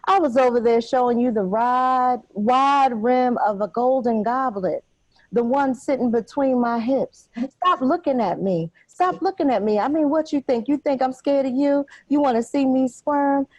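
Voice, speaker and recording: A high-voiced woman delivers a dramatic spoken-word poem with fierce defiance, confronting an unseen officer. Her delivery swings from taunting to low and brooding. The sound is close and dry, with no room around it. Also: fairly even intonation, a little slow, a little mellow, no room sound, rough recording. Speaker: poet reading her work.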